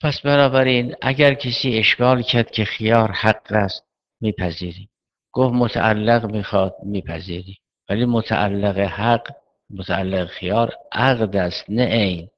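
A man lectures on Islamic jurisprudence in a measured, methodical way, raising questions and answering them himself. His voice sits low. The recording is dull and lo-fi. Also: fairly even intonation. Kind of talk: seminary lecture.

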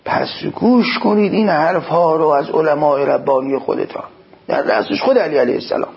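A man's voice: fairly high pitch, vocal fry, slightly rough, dull audio. A man preaching a sermon, quoting Arabic phrases and explaining them in an exhorting tone. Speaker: cleric.

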